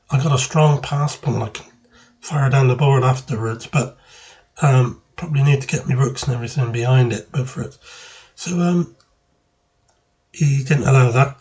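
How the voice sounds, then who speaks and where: Speaking at a medium pitch with a somewhat dark tone, a man offers relaxed commentary on each move of his own chess game. He thinks aloud and breaks off in the middle of phrases.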